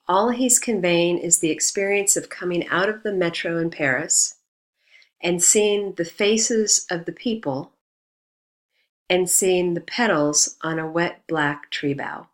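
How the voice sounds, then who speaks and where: A woman lectures on poetry in a steady, explanatory manner. Her voice sits a little low, and she reads passages aloud before unpacking them point by point. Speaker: teacher.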